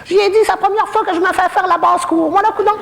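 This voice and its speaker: Brief: a woman doing a saucy old Québécois granny in a nursing home, very high, gravelly voice, long hall echo. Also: fairly even intonation, quick pace, heavy background noise. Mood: cheeky. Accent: Québécois French. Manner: saucy, gossipy, self-mocking jokes. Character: cheeky, bawdy old woman living in a retirement home. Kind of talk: stand-up comedy character monologue.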